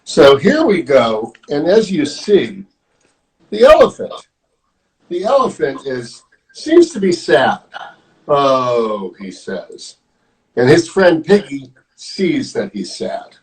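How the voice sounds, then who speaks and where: A man's voice: fairly high pitch, distant mic, rough recording. A man reading a children's picture book aloud as a volunteer storyteller, explaining the pictures as he goes. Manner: slow, animated, explaining the pictures.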